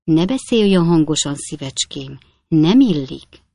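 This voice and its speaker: A woman's voice: low voice, lively intonation, vocal fry, mellow, no echo, clean studio sound, heavily acted. A woman doing a coy, jealous spinster aunt. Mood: coy, fussing. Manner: simpering, flirtatious whispering.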